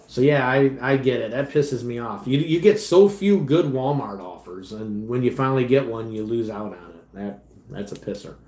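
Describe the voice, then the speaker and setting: A man's voice: mid-range voice, expressive, moderate pace. Chatty man in an echoey room. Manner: rambling, chatty, trails off quietly. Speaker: livestream host and delivery driver. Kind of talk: casual livestream chat reading comments.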